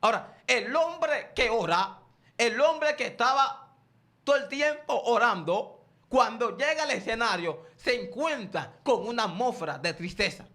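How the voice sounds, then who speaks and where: A man preaches a sermon in a high, bright, forceful voice with lively intonation, speaking a little slowly. He repeatedly poses questions to his listeners and answers them himself, occasionally calling on the congregation to repeat his words back.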